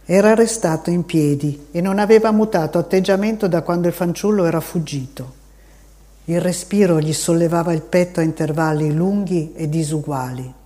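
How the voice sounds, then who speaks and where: A narrator reading a classic novel aloud in a steady, measured way. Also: medium pitch. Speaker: audiobook narrator. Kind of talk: scripted literary narration.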